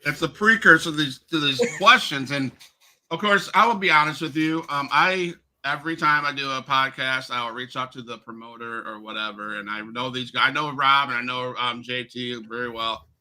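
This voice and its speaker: This podcast host is a man who runs a wrestling show, casually asking questions and reading aloud the messages and texts he received. His mid-range voice is steady and sharp, moving at a normal speed, and his manner is friendly.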